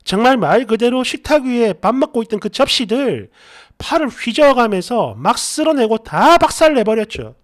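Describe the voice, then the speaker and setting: High-voiced, animated male storyteller. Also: moderate pace. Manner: expressive, dramatic first-person telling. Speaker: story narrator. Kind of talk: scripted storytelling narration.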